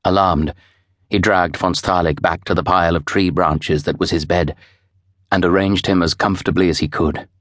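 A man giving measured, expressive scripted narration of a novel for an audiobook. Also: low-pitched, no echo, clean studio sound.

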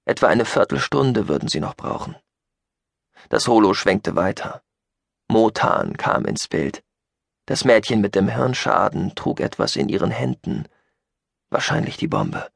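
Guy narrating a sci-fi audiobook, lively expressive reading, dry close mic. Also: lowish voice, measured pace, creaky, husky, no room sound.

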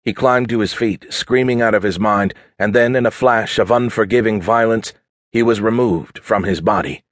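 Low-voiced male audiobook narrator. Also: moderate pace, dry recording, clean studio sound. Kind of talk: scripted narration.

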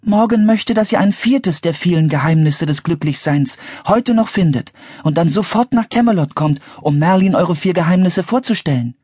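A man's voice: high voice, moderate pace, hardly any pauses, a little mellow, slightly rough, no room sound, clean studio sound, pitched above the performer's own voice. A man voicing an earnest young male wizard in a storybook audiobook, explaining things seriously in a lifted voice.

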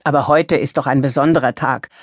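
A woman reading a relaxed, lenient grandmother. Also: very deep voice, a little fast, no echo. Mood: easygoing.

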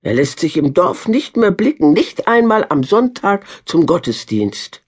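A woman's voice: fairly low pitch, sing-song, unhurried, darkish tone, slightly rough, voice pushed up, exaggerated voice. A woman voicing an anxious, gossipy village farm woman in a storybook reading, fretful and emphatic. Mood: worried.

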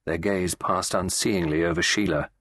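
A man reading a classic mystery as an audiobook narrator, measured and expressive. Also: low-pitched, dry recording, clean studio sound.

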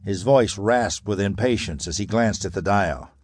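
Low-voiced man narrating a pulp thriller. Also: husky, dry recording, studio quality. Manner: dramatic, measured. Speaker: audiobook narrator.

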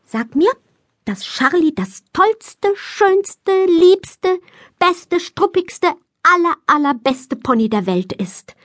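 A woman's voice: moderate pace, husky, no echo, clean studio sound. A woman voicing an eager, impatient young girl who is crazy about ponies, in a children's storybook. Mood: excited pleading. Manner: excited, pleading, high-pitched.

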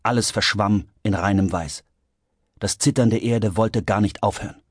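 A man narrating an audiobook in a vivid, expressive storytelling manner. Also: fairly low pitch, moderate pace, husky, dry recording. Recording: dry studio recording.

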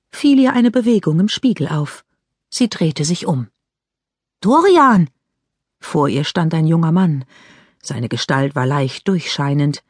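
Husky woman reading an audiobook. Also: low voice, darkish tone, no room sound, studio quality. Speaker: audiobook narrator. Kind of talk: scripted narration.

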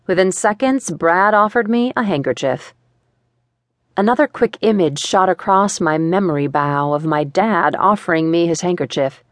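A woman reading a first-person thriller aloud in a measured, matter-of-fact way, on a studio microphone. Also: lowish voice, dry recording. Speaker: audiobook narrator.

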